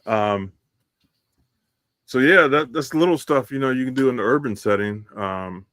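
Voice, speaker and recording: A man co-hosting a live survival podcast over a remote call, giving steady, matter-of-fact tips with frequent fillers. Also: mid-range voice, moderate pace, no echo. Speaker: podcast co-host. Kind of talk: casual live-stream chat. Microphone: remote call connection.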